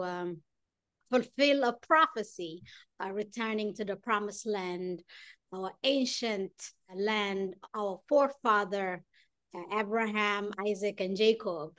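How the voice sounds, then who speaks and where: A middle-aged woman from Ethiopia, a chef telling her story in a podcast interview, speaking with many pauses and fillers. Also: mid-range voice, a bit bright. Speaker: chef and guest.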